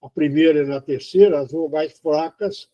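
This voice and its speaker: A man from Brazil giving an informal spoken lesson on poetry, halting and explanatory, with many fillers and restarts. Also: fairly high pitch, warm tone. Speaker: poetry teacher. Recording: dull lo-fi recording.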